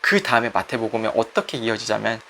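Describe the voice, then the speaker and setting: Gravelly pastor giving a sermon talk. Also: male voice, fairly low pitch, fast, sharp tone. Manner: acts out quoted voices, asks the listeners questions.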